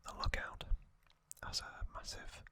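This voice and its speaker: An ASMR host explains something in a breathy, unvoiced whisper, taking their time and sounding unscripted, with frequent pauses along the way. The tone is sharp.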